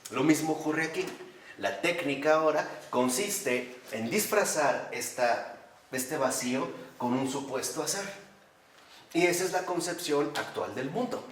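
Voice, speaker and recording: A man giving a spiritual lecture to a class, animated, asking rhetorical questions and answering them himself. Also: fairly high pitch, measured pace, slight background noise. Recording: roomy echo from a distant mic.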